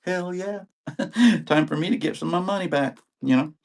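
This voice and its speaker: A sixty-something man on the mend from illness hosts a live videotape auction stream, chatting loosely and greeting viewers by name. His voice sits high and moves at normal speed.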